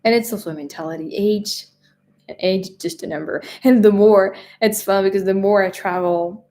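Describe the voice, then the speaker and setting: A French woman in her twenties, a travel vlogger, answers live chat on a casual stream, rambling with lots of fillers and restarts. Her warm voice sits at medium pitch with fairly even intonation and a moderate pace.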